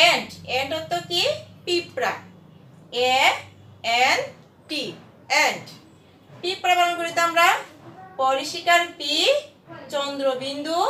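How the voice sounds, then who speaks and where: High, bright-voiced woman teaching small children. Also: recorded from a distance. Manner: slow, sing-song spelling drills with call-and-response. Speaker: nursery school teacher. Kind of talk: online class for young children. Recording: echoey room with faint noise.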